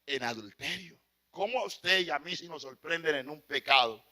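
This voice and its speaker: Male preacher, high bright voice, impassioned, loud-to-hushed sermon delivery. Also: lively intonation, normal speed.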